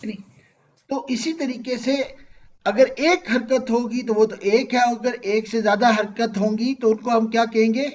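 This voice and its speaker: Male teacher, patient and questioning, fairly high voice, slightly dull call audio. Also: measured pace. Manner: patient, asks students questions and checks understanding. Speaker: Arabic grammar teacher. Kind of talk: online interactive class.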